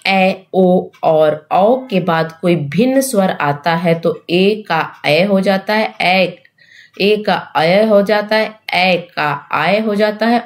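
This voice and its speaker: A woman teaching Hindi grammar for exam preparation, repeating the rules and asking questions back to her students, mixing English terms into her explanation. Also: fairly low pitch. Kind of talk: exam-prep grammar lesson.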